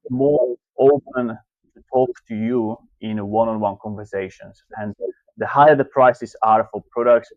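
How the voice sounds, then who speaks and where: A man's voice: fairly low pitch, no echo. Man, dry, muffled call audio. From Slovakia. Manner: loose, filler-heavy phrasing. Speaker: guest, marketing coach. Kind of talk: interview answers.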